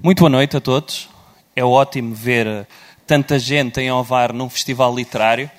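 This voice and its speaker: A man with a European Portuguese accent moderating a live literary panel, speaking loudly in a playful, teasing way. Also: mid-range voice, fairly even intonation, normal speed.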